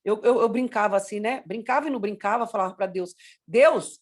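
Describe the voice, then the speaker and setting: A woman's voice: mid-range voice, quick pace. A middle-aged Brazilian woman pastor teaching parents, telling stories and acting out scolding and prayer. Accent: Brazilian Portuguese. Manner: animated storytelling, acts out scolding and prayer.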